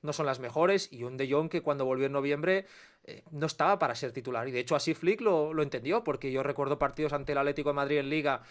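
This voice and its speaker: A man with a Spanish accent, a football pundit giving quick, analytical commentary on a sports talk show. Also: fairly high pitch. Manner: fast, analytical, dense run-on sentences.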